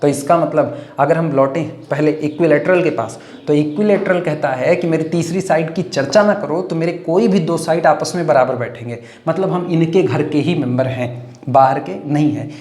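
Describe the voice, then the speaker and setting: A man's voice: on the high side, a little mellow. Man dictating math notes, echoey room. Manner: slow dictation of formulas word by word; explains with homely comparisons. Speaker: math teacher. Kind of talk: classroom lecture, dictating notes.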